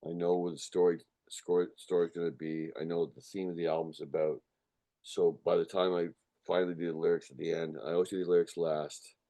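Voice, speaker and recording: A man with a very low, gravelly voice tells stories about his craft as a musician in a loose interview. He rambles emphatically, swears freely and keeps checking that he is being followed. The tone is dark and mellow. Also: little pitch movement, a little fast. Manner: sweary, emphatic, repeatedly checks listener with "you know" and "right". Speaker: musician, songwriter and record producer being interviewed. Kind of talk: casual rambling interview storytelling.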